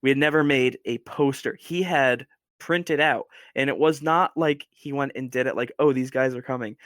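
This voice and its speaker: A man guesting on a podcast, telling a story in a casual, animated way with lots of fillers. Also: mid-range voice, moderate pace, no echo, studio quality.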